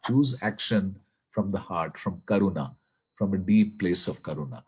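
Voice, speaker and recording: A man with an Indian accent giving an earnest, inspirational talk in a web broadcast, speaking slowly and with emphasis. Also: sits low, a little mellow, slightly rough. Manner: earnest, slow and emphatic, mixing English with Hindi.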